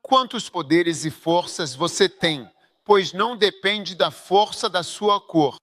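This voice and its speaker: Bright, high-voiced male preacher. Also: lively intonation, slow. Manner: emphatic, rhetorical questions to the audience. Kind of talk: Portuguese voice-over of a sermon.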